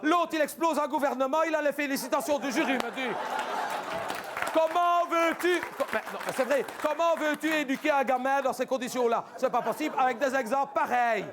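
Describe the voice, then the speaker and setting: A man's voice: extremely high pitch, fairly quick, noisy background. A man playing a fretful, chatty middle-aged housewife and mother in a comic stage monologue, rambling and grumbling over and over. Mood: exasperated. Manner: rambling, repetitive, exasperated grumbling.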